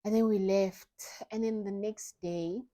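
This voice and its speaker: A woman softly telling a personal story of grief in a vlog, acting out her own past thoughts. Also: medium pitch, steady tone, measured pace. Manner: soft, reflective, grieving, re-enacting her own thoughts. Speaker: vlogger.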